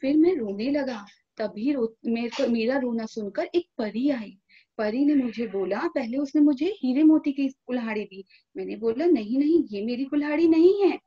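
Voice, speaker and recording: A woman's voice: high voice, expressive, normal speed, husky, lo-fi sound. A woman voicing an honest, hardworking young male woodcutter, who tells his story in an earnest, plain way.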